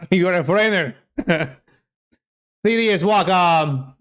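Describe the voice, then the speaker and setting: A native Turkish speaker with a Turkish accent livestreams while programming, chatting informally and thinking aloud as he codes. His voice is high and a bit bright, and he takes his time speaking.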